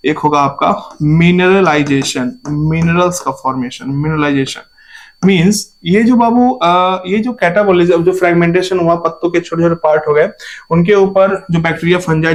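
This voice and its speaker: Poor audio carries the slightly high voice of an Indian man teaching biology for exam preparation. Annoyed by noise and shouting from outside, he turns every key term into a question for his students and addresses them as "babu."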